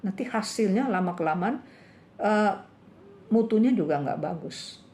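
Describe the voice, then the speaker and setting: A woman preaching a sermon at a church women's fellowship, telling a story and acting out the characters' cries in a higher voice. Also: unhurried, vocal fry. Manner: lively storytelling, acts out the characters' cries with raised pitch. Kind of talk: bilingual sermon with illustrative story. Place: church meeting room.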